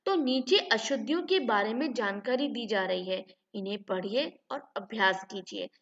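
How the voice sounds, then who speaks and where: A woman teacher giving a classroom grammar lesson, reading each word twice, slowly and with emphasis, and addressing her pupils as children. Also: on the high side, recorded from a distance, highs cut off.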